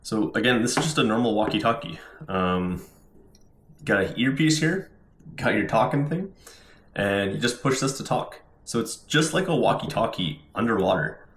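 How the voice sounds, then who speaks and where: A lower-voiced man talks through a gear demonstration in an informal, explanatory way. He sounds like a hobbyist presenting to viewers. The recording is roomy, with clear indoor echo. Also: expressive, moderate pace, a bit bright. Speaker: scuba diver reviewing gear. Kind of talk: casual product demonstration. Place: indoors at home.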